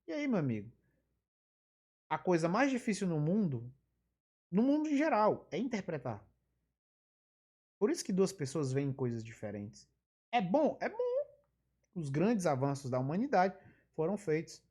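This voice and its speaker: Woman teaching a live physiology class, lowish voice, repeats terms a lot, asks rhetorical questions. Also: big pitch swings, normal speed, pauses often, warm tone, breathy edge. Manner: explanatory, repeats key terms, wanders into asides. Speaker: physiology lecturer. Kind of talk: live online lecture.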